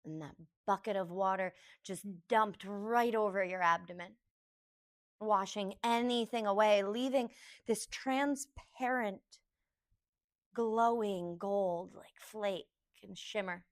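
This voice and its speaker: Short, gentle phrases with pauses between them make up this guided meditation led by a woman yoga teacher. She speaks unhurriedly in a medium-pitched voice.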